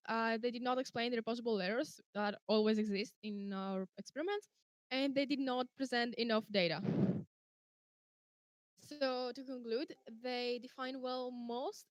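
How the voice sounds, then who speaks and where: A woman's voice: on the high side, no room sound. Young woman giving a structured critique. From Greece. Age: young adult. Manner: structured, methodical listing of points. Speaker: opponent in a student science tournament. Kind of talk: prepared critique over video call. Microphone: video call.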